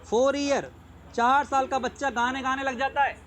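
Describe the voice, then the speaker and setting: A man's voice: extremely high pitch, steady tone, moderate pace, a bit bright, slight background noise, poor audio. A man teaching a lesson, repeating key points and often checking if his students follow, mixing English terms into his speech. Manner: repetitive, drilling, checks understanding often. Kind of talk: online lecture.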